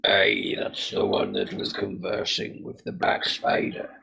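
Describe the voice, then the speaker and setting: Man acting a gruff, wary adventurer, slow and low. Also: sing-song, pushed and bright, full character voice. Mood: suspicious.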